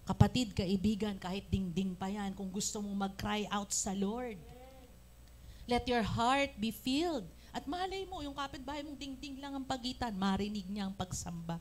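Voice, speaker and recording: A woman with a Filipino accent preaching a sermon, animated, acting out quotes and shouting praise. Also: medium pitch, normal speed. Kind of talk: Taglish sermon. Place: church service.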